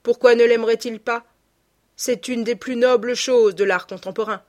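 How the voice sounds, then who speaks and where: A woman's voice: on the high side, normal speed, voice pushed up, natural voice. Woman voicing a mocking worldly aristocrat. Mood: teasing. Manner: lively, teasing. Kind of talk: audiobook reading.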